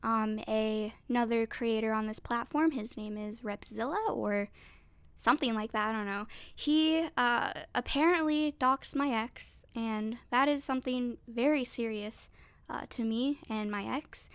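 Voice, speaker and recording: A woman's voice: a little high, measured pace, a bit bright, clean tone, no echo. A woman who is sick with a cold and sounds nasal, rambling through unscripted commentary as an online creator. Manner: rambling, conversational.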